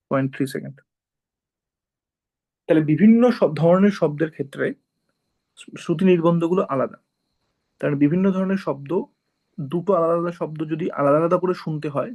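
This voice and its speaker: A man's voice: fairly high pitch, fast talker, long pauses, a little mellow, low-quality recording. A male teacher giving an informal classroom lecture, explaining step by step and often checking that students follow.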